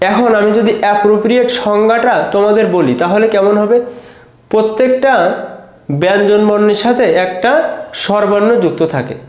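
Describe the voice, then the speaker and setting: A man's voice: high voice, a little mellow. A man teaches an exam-prep grammar lesson, patiently, one step at a time. He keeps prompting his students to look. The room echoes noticeably around him.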